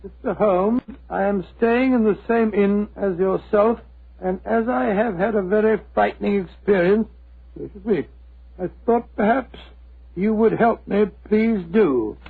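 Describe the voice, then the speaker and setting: An actor playing a genial older British doctor, a chatty, courteous, slightly fussy storyteller in a 1940s radio drama. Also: male voice, sits high, unhurried, gravelly, slightly rough, full character voice. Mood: affable. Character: genial older doctor, detective's loyal old friend. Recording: tinny, lo-fi 1940s radio recording.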